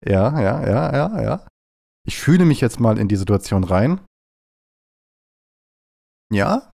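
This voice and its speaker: A man's voice: medium pitch, sing-song, slow pace, creaky, mellow. A man chatting casually on a live stream while playing a game, playful and jumpy, slipping into silly bits, with a stuffy, runny nose from a cold.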